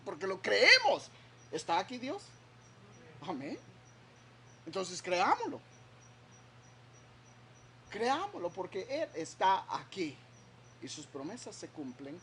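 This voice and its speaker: A man's voice: high voice, pushed and bright, slight background noise. A male pastor preaching a sermon, reading scripture and acting out the quoted words with emphasis. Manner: slow, emphatic preaching with dramatic quoted voices.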